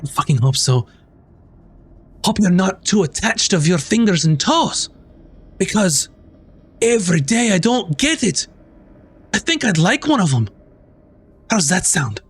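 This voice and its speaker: A man's voice: high-pitched, big pitch swings, measured pace, long pauses, breathy edge, pitched above the performer's own voice, full character voice. Man voicing a boisterous pirate quartermaster. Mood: menacing. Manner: swings from boisterous laughter to threats. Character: jovial, menacing male pirate quartermaster.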